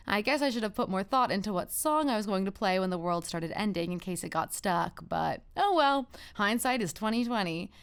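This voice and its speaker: A woman's voice: medium pitch, a bit bright, clean tone, natural voice. A woman playing a chatty, self-deprecating radio host of the apocalypse in a scripted comedy, with a wry, awkwardly upbeat manner. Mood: wry cheer.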